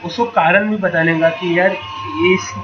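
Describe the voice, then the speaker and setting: A man's voice: sits high, steady tone, a little slow. A man running a parenting workshop, explaining patiently in a casual tone and asking the group rhetorical questions. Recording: dull lo-fi with loud ambient noise.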